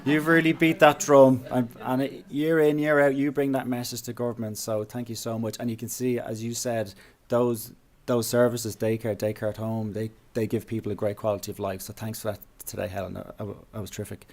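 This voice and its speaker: A man's voice: fairly low pitch, flat delivery, a little fast, hardly any pauses, a little mellow, some chatter behind, slight background noise. A man chairing a public discussion and thanking speakers in turn. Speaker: event chair. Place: hotel function room at a public event.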